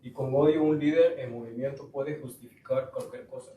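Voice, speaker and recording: A man from Guatemala giving a student presentation to a school board, pausing often with fillers. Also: medium pitch, dark tone. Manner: halting, with frequent fillers. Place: school board meeting room. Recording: echoey room, far mic, noisy.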